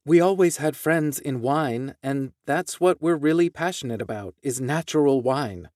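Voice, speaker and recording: A man reading local newspaper articles and quotes aloud in a steady, measured way. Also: fairly high pitch, no echo, studio quality. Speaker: news reader.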